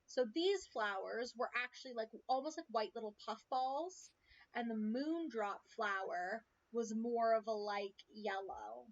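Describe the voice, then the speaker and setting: A woman's voice: fairly high pitch, measured pace. Chatty woman muttering through a farming game. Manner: chatty, talks to herself while playing, muttering asides. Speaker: let's play streamer. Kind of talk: casual game commentary. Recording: slightly dull stream audio, faint hiss.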